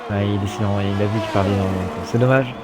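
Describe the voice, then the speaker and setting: A man's voice: lowish voice, fairly even intonation, racing, over music. A man giving live motorsport commentary as a race commentator, calling the action with casual asides. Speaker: esports sim racing commentator.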